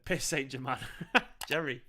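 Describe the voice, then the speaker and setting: A man with a Manchester accent, hosting a live football fan reaction stream, chatting excitedly and swearing while reading viewer comments. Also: medium pitch, measured pace. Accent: Mancunian. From Manchester, England. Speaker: football fan channel host.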